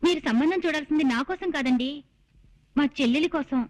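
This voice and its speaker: A woman playing the hero's earnest young sweetheart in a film comedy, speaking softly and apologetically. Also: high voice, fairly quick, faint music behind, close to an everyday voice. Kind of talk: film dialogue.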